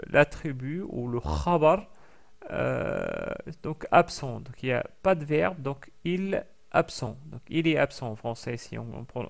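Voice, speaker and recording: A man teaching a lesson in French, explaining slowly with many fillers and restarts and carefully sounding out each letter. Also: mid-range voice, vocal fry. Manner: carefully over-articulates sounds being taught. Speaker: Arabic teacher. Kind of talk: recorded language lesson.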